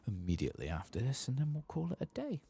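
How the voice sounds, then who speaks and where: A soft-spoken gaming streamer gives unhurried ASMR gameplay commentary close to the mic, murmuring to himself and sometimes dropping toward a whisper. His mid-range voice is gravelly and husky, with wildly swooping pitch.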